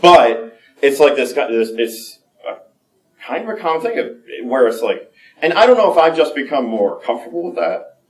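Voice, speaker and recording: A man giving a candid personal talk at a conference, halting and full of fillers and restarts. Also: a little high, very animated. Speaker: conference speaker. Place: conference room. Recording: echoey room, mic from a distance.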